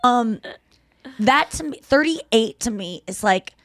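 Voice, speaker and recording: A woman's voice: on the high side, lively intonation, slow pace, dry recording. Woman, late thirties, podcast host, casual jokey rambling chat, dry close sound. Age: 30s.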